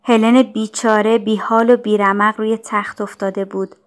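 A woman narrating a novel as an audiobook in an even, measured way. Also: mid-range voice.

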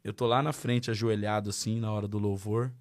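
A Brazilian guest tells his own story as casual testimony, speaking briskly in a lowish voice. He's a lively storyteller who acts out the dialogue.

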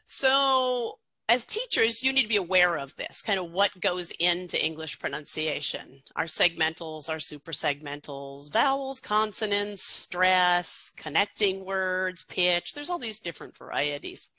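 A woman's voice: on the low side, expressive, unhurried, few pauses, sharp tone, dry recording, poor audio. A middle-aged woman, a pronunciation teacher, explaining things in an interview in a chatty way with lots of fillers and restarts.

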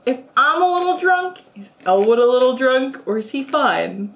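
A woman playing a tabletop game, animated and laughing often. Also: high-pitched, normal speed. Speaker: player. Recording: echoey room with background noise.

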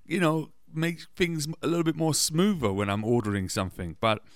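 A man's voice: on the high side, animated, fairly quick, no room sound, studio quality. A man from England with a British accent, hosting a podcast and telling personal stories in a chatty, anecdotal way with wry self-deprecating asides. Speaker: podcast host. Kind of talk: casual personal storytelling.

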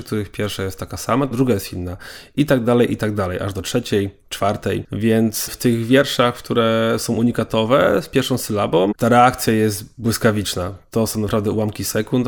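Lower-voiced man explaining at length. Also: creaky. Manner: measured, detailed explaining. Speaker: documentary filmmaker guest. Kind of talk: explanatory interview answers.

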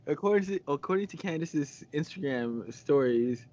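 Male co-host for casual banter, slightly higher voice, playful and teasing, a little muffled in the recording. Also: darkish tone, dry recording. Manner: jokey, teasing, laughs often. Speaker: podcast co-host. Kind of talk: casual chat.

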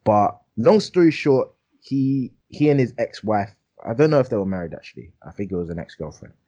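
A man's voice: fairly low pitch, animated, a little fast, dark tone, muffled recording. A young man with a London roadman accent hosting a casual, slang-heavy chat, repeating phrases for emphasis. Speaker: podcast host.

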